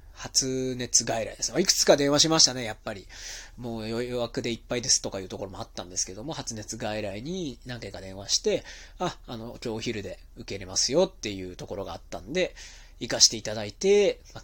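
Guy with a stuffy nose just chatting on his own show, kinda husky, voice bouncing all over. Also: fairly low pitch, fairly bright tone. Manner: chatty, rambling, with many fillers. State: stuffy nose, a bit nasal while recovering from illness. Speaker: pro wrestler hosting his own audio talk show. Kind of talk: casual solo monologue.

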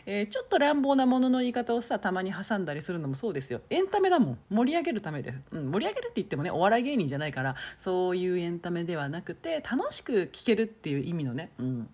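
A woman hosting a solo talk show, chatting casually and deliberately dropping in Nagoya dialect and thinking pauses. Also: fairly low pitch, sing-song, darkish tone, breathy edge. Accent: Nagoya dialect touches. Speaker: podcast host.

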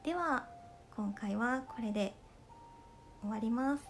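A woman from Okayama with a Kansai accent, hosting a casual solo podcast and chatting gently and politely to her listeners. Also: a little high, unhurried, a little hiss or hum. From Okayama, Japan. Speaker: podcast host reading listener letters.

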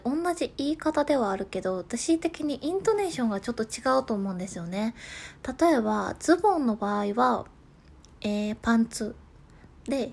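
A woman with a Kansai accent hosting a solo talk show, reading listener letters in a calm manner and laughing at herself. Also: on the high side.

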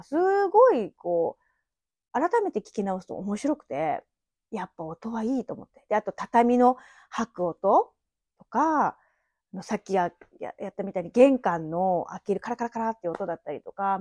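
A woman's voice: medium pitch, a little mellow, dry recording. A woman in her thirties hosting a casual solo podcast at home, reminiscing in a rambling, chatty way with little laughs. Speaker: podcast host. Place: empty house. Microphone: phone app mic.

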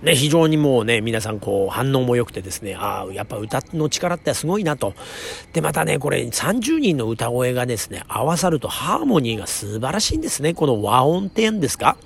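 A man's voice: medium pitch, big pitch swings, a little fast, creaky. A man hosting his own talk show, chatting politely with many fillers, recorded outdoors near a station. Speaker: podcast host. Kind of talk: casual solo talk. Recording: faint street noise outdoors.

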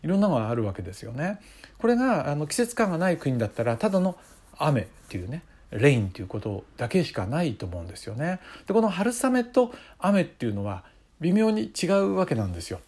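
A man's voice: on the high side, sing-song, quick pace, darkish tone, slightly rough. A middle-aged man hosting a casual solo talk show, musing in a conversational way with many fillers. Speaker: podcast host.

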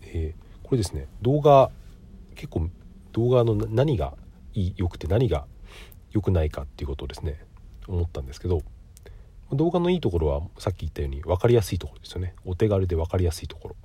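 Stuffy and nasal from a cold, a middle-aged man hosts a solo podcast in a low, dark, breathy voice. He is very animated and talks fast, keeping a polite, explanatory tone through a casual monologue full of filler pauses.

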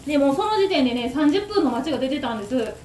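High, animated Kansai woman ranting. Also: rapid-fire, slight background noise. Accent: Kansai Japanese. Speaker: takoyaki shop owner hosting a radio talk. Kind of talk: casual storytelling chat. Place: takoyaki shop. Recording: roomy echo. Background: faint sizzle of takoyaki frying.

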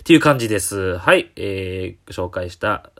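A man's voice: low-pitched, animated, normal speed, pushed and bright. A male comedian talking casually and enthusiastically on his solo podcast, with lots of fillers.

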